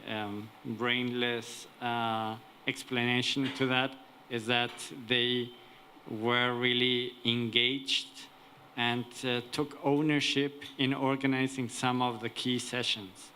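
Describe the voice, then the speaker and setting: Male conference speaker, unscripted and deliberate, flat intonation, very slow, background noise. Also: medium pitch. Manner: deliberate, searching for phrasing. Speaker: conference participant, event organizer. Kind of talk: unscripted remarks in a meeting.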